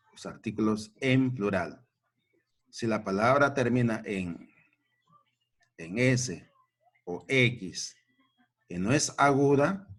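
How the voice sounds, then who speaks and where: A man teaching a grammar lesson to children, repeating each point and checking in with short questions. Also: lowish voice.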